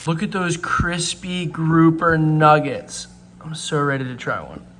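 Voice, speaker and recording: A young man chatting in a home kitchen, talking up the food with easy enthusiasm. His voice sits a little high, with a faint hiss of room noise underneath. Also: unhurried, fairly bright tone. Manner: upbeat, enthusiastic. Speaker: host. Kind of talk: casual cooking vlog chat.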